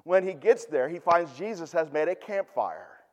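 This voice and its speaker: A pastor delivers a sermon, teaching earnestly at normal speed in a voice on the high side. He swings widely in pitch, dropping into hushed, quiet stretches before rising into emphatic passages, and a long reverb tail trails his words.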